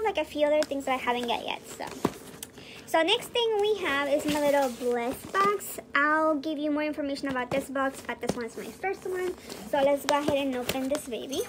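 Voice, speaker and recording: A young woman chatting casually as she unboxes and reviews beauty products, excitable and gushing. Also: high-pitched, heavy background noise. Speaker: beauty vlogger.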